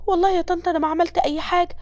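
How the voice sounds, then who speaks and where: A woman's voice: extremely high pitch, steady tone, rapid-fire, dry recording, voice pushed up. A woman voicing a scared but defiant young maid, speaking with an Egyptian accent and a pleading, rising delivery.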